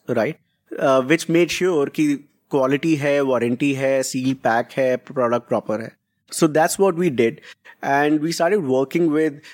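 A man's voice: fairly high pitch, darkish tone. A man with a North Indian accent giving conversational interview answers as a founder, switching between English and Hindi and often checking in with "right?". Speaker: interview guest, startup founder.

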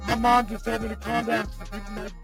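A man's voice: sits high, level tone, fast talker, vocal fry, loud music behind the voice. Man on a bitcrushed, robotic connection. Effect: glitchy, robotic, bitcrushed connection. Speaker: remote guest calling in. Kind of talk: casual sports banter.

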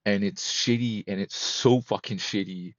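A man in his thirties, a podcast guest, talking candidly and emotionally in a halting, repetitive way that keeps circling back. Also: lowish voice, fairly even intonation, no echo, muffled recording. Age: 30s. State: emotional, close to breaking. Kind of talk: candid personal conversation.

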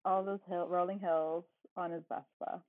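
A woman's voice: on the low side, little pitch movement, normal speed, no room sound. A woman co-hosting a podcast, casually recapping a movie plot with dry asides. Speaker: podcast co-host. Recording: tinny phone-like line.

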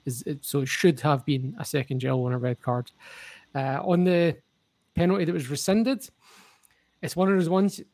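A man with a fairly high voice talks through refereeing decisions in a casual football chat. He is opinionated and explains the rules at length. The sound is close and dry, with no room around it. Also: steady tone, normal speed, a little mellow, no room sound. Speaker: podcast co-host.

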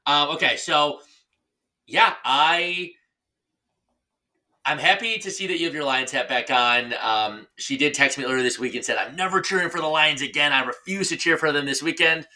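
A bright, lively man co-hosting a casual football podcast. He rambles through his picks and teases his partner between games. His tone stays loose and joking. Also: fairly high pitch, normal speed. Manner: playful, teasing, rambling. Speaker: podcast co-host. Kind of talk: casual sports chat.

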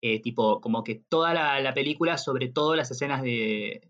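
A man, co-hosting a podcast and explaining his views in a measured way. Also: mid-range voice, fairly bright tone. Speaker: podcast co-host. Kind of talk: casual film review chat. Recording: dull lo-fi audio.

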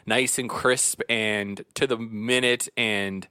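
A man's voice: lowish voice, fairly even intonation, slow pace, pushed and bright, smooth, dry recording, studio quality. A man hosting a podcast in a casual, chatty style. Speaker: podcast host. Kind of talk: casual chat.

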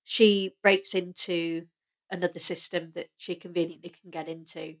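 A woman's voice: on the low side, level tone, moderate pace. A woman co-hosting a podcast, chatting casually as she retells and quotes scenes from an episode. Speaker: podcast co-host. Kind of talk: casual chat recapping a TV episode.

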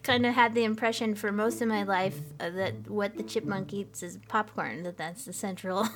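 A woman co-hosts a podcast in casual chat, giggling often and restarting her sentences frequently. Her mid-range voice moves at a moderate pace with fairly even intonation.

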